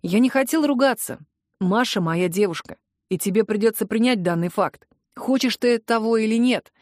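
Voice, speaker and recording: A woman voicing a cocky, calm young man who mocks his girlfriend's brother. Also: on the high side, no echo, clean studio sound, close to an everyday voice. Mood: smug. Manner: mocking, unhurried.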